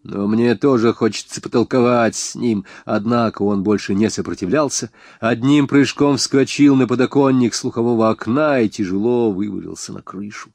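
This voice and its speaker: A man narrating a first-person crime novel in an expressive way, with sharp raised outbursts for the hero's lines. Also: mid-range voice, normal speed, vocal fry, few pauses, no room sound. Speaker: audiobook narrator.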